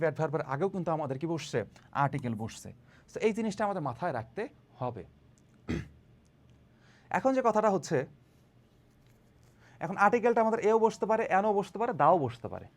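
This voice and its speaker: A man teaching an online English grammar lesson, asking his own questions and answering them, reading example sentences slowly and deliberately. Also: sits high. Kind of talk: online exam-prep lesson.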